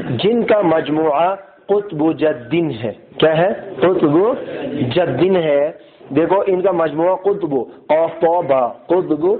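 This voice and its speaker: A high-voiced man leads a classroom lesson. He keeps asking his students questions and repeating his own answers, and he slows right down to sound out each letter. The sound is thin and tinny, as if heard over a phone line. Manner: repeats key points and asks the class questions; sounds out letters slowly and deliberately. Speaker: Quran recitation teacher.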